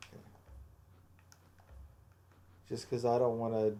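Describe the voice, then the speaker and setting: A man's voice: mid-range voice, monotone, slow, warm tone. A man casually commentating on a video game as a streamer, musing and thinking aloud off the cuff.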